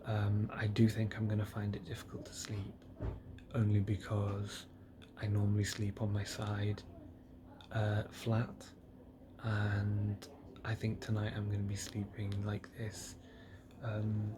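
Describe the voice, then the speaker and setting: A patient vlogger, groggy and at ease post-surgery, talks casually to himself in a lowish voice, his subdued phrases halting and fading out. He's recording a rambling solo health diary on a screened device while alone indoors in a private hospital room. Noisy room sound fills the background.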